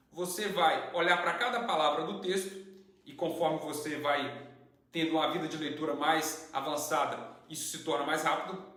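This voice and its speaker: Didactic man, very echoey room. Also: on the high side. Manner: didactic, steady, uses worked examples and rhetorical questions. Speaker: channel host and study teacher. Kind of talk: explanatory lesson to camera. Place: indoor room with tiled floor.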